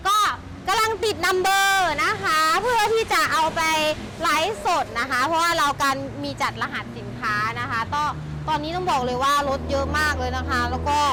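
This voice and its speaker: A woman presenting a chatty sales walkaround as a shop host, with gushing, enthusiastic patter. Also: sits high. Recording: noisy handheld recording with vehicle sounds.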